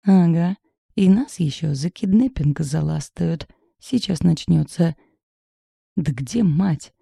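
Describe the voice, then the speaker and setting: A woman's voice: low-pitched, slow, gravelly, dark tone, husky, dry recording, studio quality, heavily acted. A woman reading the part of a blunt, sarcastic young woman who works as a lawyer, in an audiobook. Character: sharp-tongued young woman lawyer friend.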